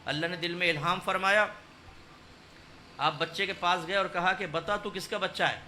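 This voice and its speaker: A male Islamic preacher delivers a storytelling sermon. His voice sits high and sounds sharply bright, rising to loud exhortation and dropping to hushed narration, with a faint hiss of noise behind it. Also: steady tone.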